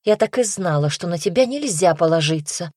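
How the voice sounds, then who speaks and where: Woman voicing an insistent excitable young sister. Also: fairly low pitch, a little fast, no echo, clean studio sound. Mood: demanding. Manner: insistent, raises voice.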